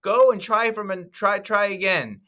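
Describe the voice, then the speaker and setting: A man voicing a greedy, angry villain king in a high, whiny, bossy manner for a children's story. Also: normal speed, bright, forceful tone. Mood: frantic.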